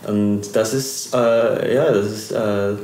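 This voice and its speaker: A young man from Iran with a Persian accent, speaking German haltingly as an interview guest, searching for words with many fillers. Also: on the low side, fairly even intonation, darkish tone, reverberant, a little hiss or hum.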